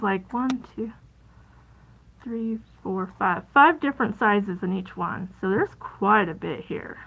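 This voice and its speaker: A woman hosting a casual live crafting stream, chatty and rambling, with plenty of fillers and soft asides at her craft table. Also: mid-range voice, low-quality recording. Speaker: crafting livestream host.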